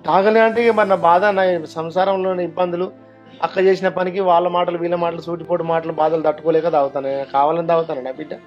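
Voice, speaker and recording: A man's voice: fairly high pitch, steady tone, quick pace, dull audio, soft background music, close to an everyday voice. An actor with a Telangana Telugu accent playing a remorseful father who drinks, pleading and coaxing with his daughter. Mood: weary. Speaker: actor in a family web drama. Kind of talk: dialect family drama acting.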